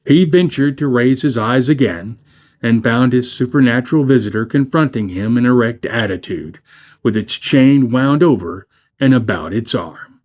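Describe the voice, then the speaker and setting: A man's voice: medium pitch, darkish tone. Man reading a classic story aloud. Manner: measured storytelling with dramatic dips and rises. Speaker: church reader.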